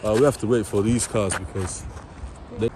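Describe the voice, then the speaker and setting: This man is a travel vlogger strolling outdoors on a noisy, traffic-filled winter street, talking to his audience and interviewing passersby in a friendly, casual way. He speaks at normal speed in a lowish voice with fairly even intonation.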